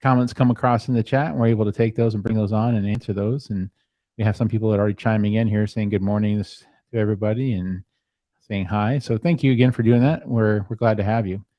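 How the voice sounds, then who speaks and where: Low, filler-heavy man hosting a livestream. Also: fairly even intonation, fast talker, dark tone, no room sound. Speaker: founding member and host. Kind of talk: livestream chat.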